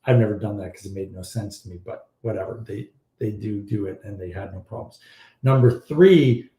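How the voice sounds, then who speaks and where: A man's voice: fairly low pitch, normal speed. Blunt male fertility doctor, echoey room. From Iran. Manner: blunt, animated, exasperated at odd claims. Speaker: fertility doctor answering questions. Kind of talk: casual live Q&A.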